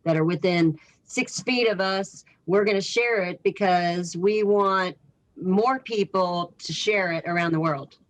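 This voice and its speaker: A woman on a casual panel talk, speaking in a brisk, eager way. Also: fairly low pitch, rough recording.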